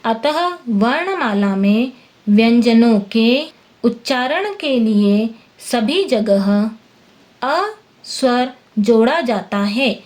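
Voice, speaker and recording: A woman teacher explaining a lesson slowly and patiently, sounding out each letter and translating word by word. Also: a little high, expressive, a little mellow. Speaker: Sanskrit teacher. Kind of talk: classroom-style lesson explanation.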